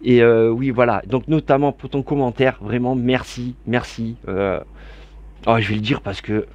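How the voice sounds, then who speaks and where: A man's voice: medium pitch, steady tone, normal speed, highs cut off. Man for a casual tabletop rules video: rambling, giggly, talking straight to his subscribers. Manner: rambling, chatty, laughs often, many digressions; warm and grateful toward viewers. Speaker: board game YouTuber. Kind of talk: casual rules explanation to camera.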